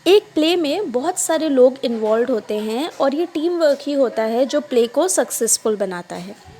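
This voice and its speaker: A woman teacher reading an English story aloud slowly to children, then explaining each line in Hindi and checking that they follow. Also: high-pitched, lively intonation, dark tone, slight background noise.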